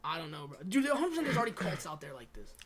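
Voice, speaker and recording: A young man from the United States co-hosts a podcast, chatting casually in slangy speech loaded with swearing. His fairly high voice swings hugely in pitch as he talks very fast, with crowd noise audible around him.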